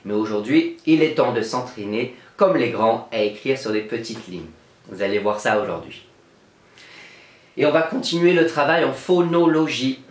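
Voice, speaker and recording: A man teaching young children in a remote class, speaking slowly and clearly as he writes letters on a board and sounds them out. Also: medium pitch, expressive, reverberant. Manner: slow, clear, patient teacher talk, spelling out sounds. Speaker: kindergarten teacher.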